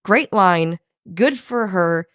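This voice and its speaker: Hoarse, animated woman podcast co-host. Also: takes it slowly, no room sound, studio quality. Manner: animated, swearing, fillers, jumps high when excited. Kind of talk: casual chat.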